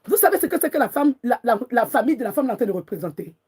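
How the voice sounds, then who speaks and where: A woman's voice: a little high, sing-song, very fast, a little mellow, husky. A woman prophetess preaching with passion and anger, crying out to God in prayer and repeating her words again and again. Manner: angry, repetitive, calls out to God.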